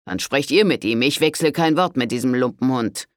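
A man voicing an angry, loyal castle steward who speaks forcefully and indignantly in an audiobook. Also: medium pitch, fairly quick, vocal fry, dry recording, studio quality. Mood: defiant.

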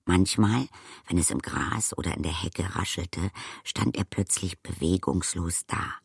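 A man calmly reading a children's storybook aloud as narrator. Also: low voice, measured pace, vocal fry, slightly rough, dry recording, clean studio sound. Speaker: audiobook narrator.

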